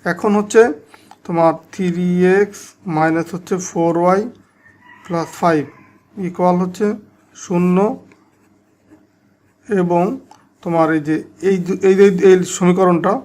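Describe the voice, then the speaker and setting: A man's voice: high voice, steady tone, a little slow, pauses often, a little mellow. A man teaching a math lesson step by step, speaking directly to his students in Bangladeshi Bengali.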